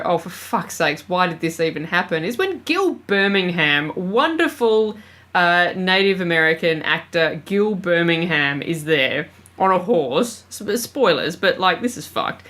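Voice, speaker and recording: A woman co-hosting a podcast, casually reviewing a film with animated indignation and a lot of swearing. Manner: animated and indignant, swears freely, voice jumps up high. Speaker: podcast co-host.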